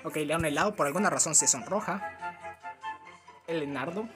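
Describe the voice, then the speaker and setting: A young adult man with a Latin American accent hosts a gaming channel and reacts to a video from a small room at home, music playing behind him. His voice is on the high side and fairly quick, his commentary casual, slangy and playfully dramatic.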